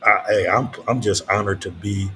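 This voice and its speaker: An older man hosting a casual late-night monologue in a reflective, halting way, repeating phrases for emphasis. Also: lowish voice, bright, forceful tone, a little hiss or hum. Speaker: host of a late night talk stream.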